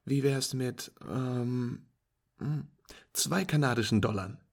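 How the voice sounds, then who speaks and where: A man's voice: medium pitch, takes it slowly, gravelly, pitched above the performer's own voice. A man voicing a friendly young woman who patiently teaches pool, playful and encouraging as she speaks. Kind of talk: storytelling with acted dialogue.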